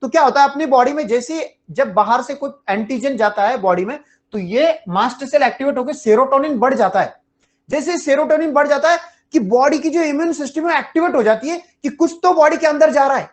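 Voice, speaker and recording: A woman teaching a biology lecture to exam students, asking questions and answering them herself, and chuckling now and then. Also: sits high. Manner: chuckles while explaining. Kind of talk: online exam-prep lecture.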